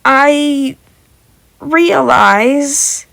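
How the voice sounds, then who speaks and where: Speaking extremely slowly with vocal fry, this woman has a high, fairly bright voice. As a podfic reader and host of a fan-fiction audio channel, she narrates scripted stories and chats casually with her listeners.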